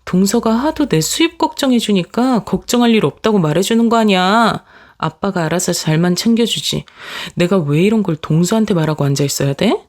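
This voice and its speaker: A woman narrating a dramatized family story in the first person, talking in a sharp, cutting, sarcastic way. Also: medium pitch, lively intonation, fairly quick, few pauses.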